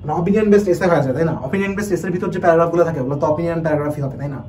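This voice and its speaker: A man teaches an online class at a breakneck pace, his fairly high, mellow voice tumbling through restarts and quick questions to his students. He sounds set back from the mic, with a faint hum of noise underneath. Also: recorded from a distance, poor audio. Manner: rapid, restarts often, asks the students rhetorical questions. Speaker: admission test English teacher.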